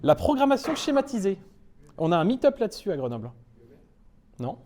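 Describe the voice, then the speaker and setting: Brief: man from France, young adult, meetup speaker, playful self-mocking humour, lively swoops in pitch. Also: brisk. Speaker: conference speaker. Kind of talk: humorous tech talk to a live audience. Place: meetup talk room.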